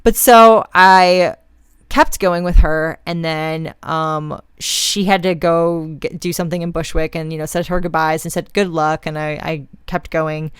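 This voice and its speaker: A woman's voice: fairly low pitch, smooth, no room sound, clean studio sound. A young woman hosting a podcast, telling a personal story in a casual, chatty way with plenty of "like"s. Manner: casual and chatty, many fillers like "like". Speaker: podcast host.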